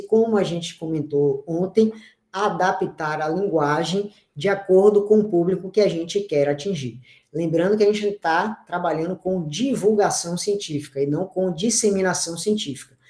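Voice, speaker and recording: Mellow-voiced Brazilian man lecturing. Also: sits high. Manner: explanatory, asks the audience rhetorical questions and shifts his intonation. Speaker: university lecturer. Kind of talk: online course lecture. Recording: roomy echo.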